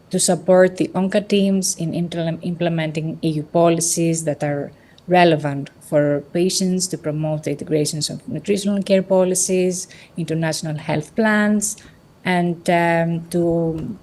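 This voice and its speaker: Woman from Greece, panelist, earnest and plain-spoken, lowish mellow voice. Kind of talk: panel discussion.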